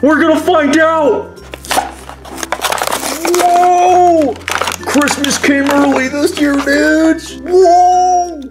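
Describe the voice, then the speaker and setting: A man playing a hyper-excited young boy hosting a toy review show, gushing over every detail. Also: extremely high pitch, drawn-out words, over loud music, full character voice. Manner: gushing, shrieking enthusiasm. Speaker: kids channel host.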